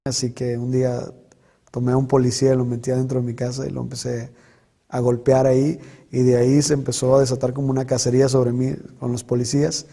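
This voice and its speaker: A man tells his personal testimony in an earnest, reflective way. His voice is dark and mellow, and his delivery stays even, with little rise and fall. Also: mid-range voice. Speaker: testimony speaker.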